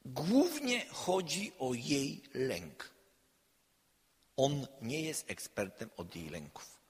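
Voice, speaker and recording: A man, a counselor, giving a public lecture in an emphatic way, swinging between loud and quiet. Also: mid-range voice, sing-song, very slow, husky. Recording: long hall reverb.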